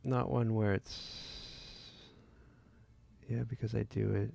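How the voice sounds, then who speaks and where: Guy with a real gravelly voice doing a live photo edit stream, lots of ums. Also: lowish voice, little pitch movement, darkish tone. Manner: casual, halting, many fillers and restarts. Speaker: photo editing tutorial host.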